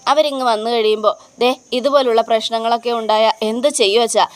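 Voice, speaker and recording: An anxious middle-aged mother pleading with her father-in-law, read by a woman. Her tone is smooth and clear, a little high. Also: steady tone, fast, natural voice.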